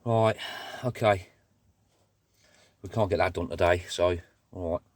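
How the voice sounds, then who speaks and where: A man's voice: deep voice, steady tone, a little slow, dry recording. A man doing a casual car repair vlog, grumbling and swearing as he works. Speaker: car DIY vlogger.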